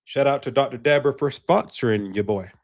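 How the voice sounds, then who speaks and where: A man hosting a casual livestream, talking in a laid-back, slangy way full of shout-outs. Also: mid-range voice, fairly quick. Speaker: livestream host.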